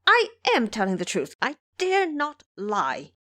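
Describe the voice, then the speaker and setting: A woman voicing an excitable, pleading male monkey demigod with a boastful, eager manner in an audio drama. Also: fairly high pitch, unhurried, full character voice. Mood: urgent, insistent. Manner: frantic, eager, yelling.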